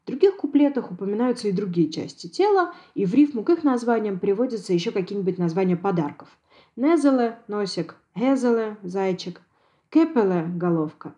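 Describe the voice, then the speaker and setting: Measured woman giving a scripted lecture. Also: mid-range voice, expressive, mellow. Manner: measured, precise academic delivery. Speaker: Yiddish language expert.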